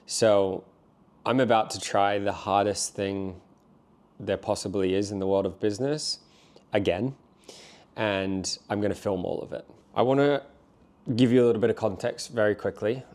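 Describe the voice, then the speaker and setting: Young man, low voice, nasal from a cold, candid vlog storytelling, plenty of ums. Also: moderate pace, a little mellow. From Australia. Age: 20s. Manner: candid, reflective, with frequent fillers. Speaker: vlogger.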